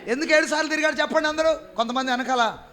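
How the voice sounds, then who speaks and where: Preacher guy, really high voice, keeps asking the crowd questions and drawing words out. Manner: call-and-response preaching, quizzing the congregation; stretches key phrases slowly and loudly. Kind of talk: sermon.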